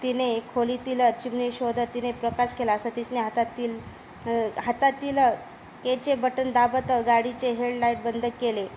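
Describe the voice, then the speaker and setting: A woman storyteller with a high voice reads a horror story. Her narration is steady and suspenseful. There is faint noise behind her. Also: unhurried.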